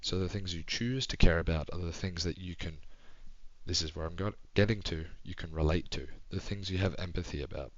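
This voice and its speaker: Hushed young man with a very deep voice. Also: no room sound, lo-fi sound. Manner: hushed, near-whispering delivery; thinking aloud, pausing and restarting. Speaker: vlogger. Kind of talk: late-night solo ramble. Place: home at night.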